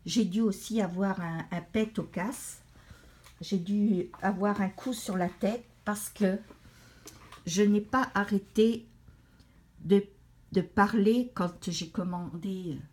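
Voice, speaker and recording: A woman's voice: medium pitch, darkish tone. A woman with a young daughter, chatting casually and rambling in a self-mocking way as she shows off her purchases. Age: adult with a young daughter. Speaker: vlogger showing a haul. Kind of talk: casual show-and-tell vlog. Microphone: handheld phone.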